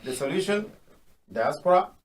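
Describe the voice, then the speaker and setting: A man's voice: high-pitched, moderate pace, slight background noise. A man from Kenya hosting a panel discussion, affirming his guests with lots of agreement. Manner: lively, affirming with many yeses. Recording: voice from far off the mic.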